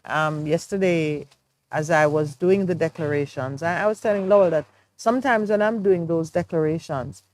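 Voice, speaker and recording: A woman's voice: low-pitched, moderate pace, a little mellow, slight background noise. A woman co-hosting a morning talk show, explaining her views in an earnest, reflective way. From Jamaica. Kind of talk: studio talk show discussion.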